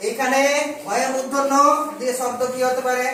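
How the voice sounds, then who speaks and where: A man teaches a children's lesson in a slow, patient way, repeating each word and asking simple questions. His voice comes from some distance, and it rings through a very echoey room with faint noise behind it. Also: very high voice, little pitch movement, fairly bright tone. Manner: patient, repeats words slowly and asks questions. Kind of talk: children's Bengali spelling lesson.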